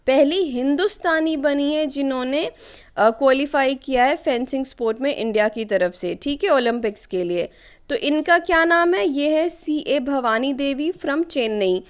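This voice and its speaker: A woman explaining current affairs questions for exam preparation in a chatty way, often checking in with "okay". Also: sits high. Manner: conversational, many fillers and "ठीक है" check-ins. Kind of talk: exam-prep lesson explaining news questions.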